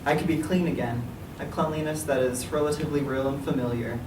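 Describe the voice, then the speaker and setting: A man with a fairly high voice reads his own dramatic verse monologue quickly and with fairly even intonation. It's a public reading in a library room, recorded on a distant mic amid echo and clear noise.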